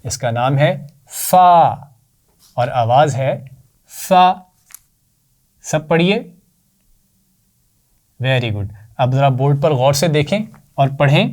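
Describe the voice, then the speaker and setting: A male teacher with a Pakistani accent giving a children's lesson, slowly drawing out each sound and praising often. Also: mid-range voice, a little mellow. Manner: slow, drawn-out repetition with praise.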